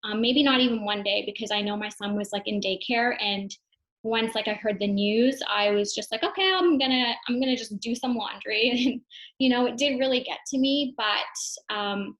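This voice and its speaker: Recounting her experience as a mother and online business owner, this young native English speaker talks in a relaxed, thoughtful testimonial, often restarting and using fillers. Her fairly high, slightly bright voice goes at a normal speed, and the recording is low quality.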